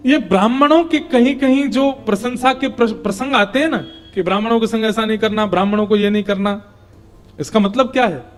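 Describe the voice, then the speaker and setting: High-voiced man giving a devotional discourse. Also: brisk. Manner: storytelling with acted dialogue and chanted Sanskrit verses. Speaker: katha preacher.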